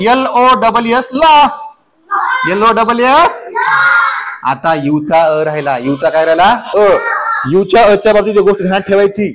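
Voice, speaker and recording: A woman's voice: mid-range voice, noisy background. A woman teaching a primary school class in a classroom. She quizzes the children with call-and-response questions and spells words out letter by letter.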